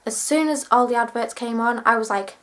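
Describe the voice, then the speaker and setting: A twenty-year-old woman talks casually to her camera, rambling and poking fun at herself while fighting a cold and a cough. Her voice is on the high side, a touch bright, and she speaks a little quickly.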